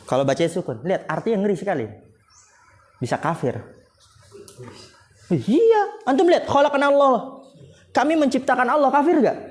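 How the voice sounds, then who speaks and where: A man's voice: sits high, darkish tone. A man with an Indonesian accent teaching an Arabic grammar class, quizzing his students and laughing often. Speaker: Islamic boarding school teacher.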